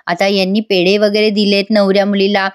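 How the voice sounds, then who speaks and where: A woman's voice: mid-range voice, little pitch movement, a little fast, dry recording, clean studio sound. A woman giving a chatty voice-over recap of a TV serial episode, talking straight to her viewers. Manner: chatty, addresses viewers directly. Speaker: TV serial reviewer.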